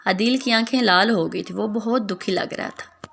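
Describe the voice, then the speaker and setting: A woman's voice: mid-range voice, creaky, fairly bright tone, husky. A woman narrating a dramatic story in the first person, in a plain, earnest way.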